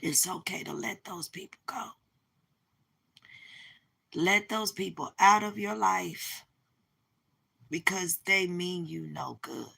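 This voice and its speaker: A woman who is losing her voice, speaking in a slow, heartfelt way and often repeating herself for emphasis as she shares a personal story. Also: on the low side, vocal fry, sharp tone, husky. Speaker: vlogger. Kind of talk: personal testimony to camera.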